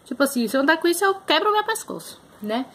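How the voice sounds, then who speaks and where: Her voice is high, sing-song, fast and fairly bright. She's a young Brazilian vlogger with a Brazilian Portuguese accent, chatting to camera in a small room about her thrift haul, showing pieces up close and using lots of fillers.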